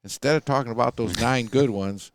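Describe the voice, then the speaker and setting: A man's voice: medium pitch, fairly quick. A man who owns a hunting dog kennel, telling stories in a folksy, rambling way full of fillers, recorded for a podcast. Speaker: coonhound kennel owner. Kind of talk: casual storytelling.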